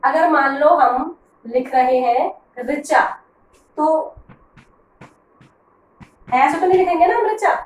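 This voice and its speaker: A woman's voice: high voice, takes it slowly, pauses often, echoey room, far from the mic, a little hiss or hum, poor audio. A woman teacher explaining grammar to pupils, patiently asking questions and answering them herself. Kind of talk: classroom grammar lesson.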